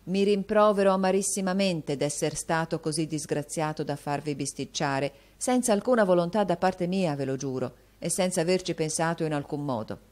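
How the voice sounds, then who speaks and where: Lady reading as a flustered young tutor guy, earnest and insistent, pleading in a low-ish voice. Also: moderate pace, few pauses, darkish tone, close to an everyday voice. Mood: earnest, indignant.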